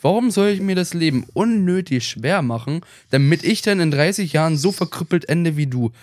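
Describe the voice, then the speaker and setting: A teenage boy in casual banter, cheeky and quick to talk back, stammering when flustered. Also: fairly high pitch, expressive, a little mellow, no echo, clean studio sound. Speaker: son of the co-host.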